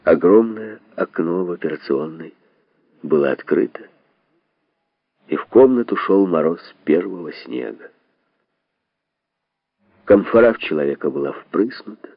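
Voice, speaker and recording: A man giving a measured literary reading with dramatic pauses, on a dull, lo-fi recording. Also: low-pitched, expressive, creaky, breathy edge, no echo. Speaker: reader. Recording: dull lo-fi dry sound.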